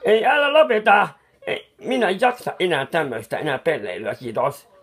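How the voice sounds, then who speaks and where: A man's voice: medium pitch, big pitch swings, slightly rough. A man doing a befuddled muttering clown painter. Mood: fussing. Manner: rambling, confused muttering with restarts; soothing, scolding someone who cries. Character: bumbling, befuddled male clown painter, fussy and kindly. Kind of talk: comic improvised monologue.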